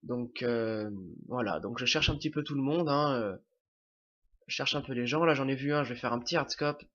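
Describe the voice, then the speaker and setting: Dull, lo-fi audio from what sounds like a cheap home mic captures a young man with a French accent commentating casually on his gameplay. He has a cold and sniffles, and he often hesitates, restarts and uses fillers. His mid-range voice is fairly bright, at a moderate pace.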